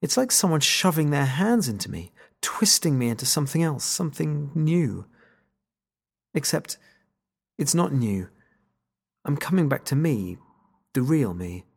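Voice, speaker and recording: A man reading a first-person novel aloud in a sardonic, wry manner, with a husky, gravelly voice. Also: fairly high pitch, very animated, a little slow, pauses often. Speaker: audiobook narrator. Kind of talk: first-person scripted narration.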